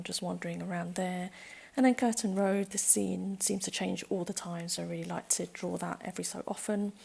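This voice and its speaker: Gravelly, husky woman vlogger. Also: on the low side. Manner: relaxed, chatty, with frequent ums. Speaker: sketchbook vlogger. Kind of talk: casual sketchbook tour narration.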